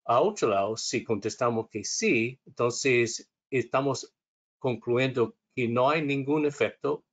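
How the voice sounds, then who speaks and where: In a webinar lecture, the instructor, a man whose first language is English, speaks in a low voice, hesitating, self-correcting and working from his notes.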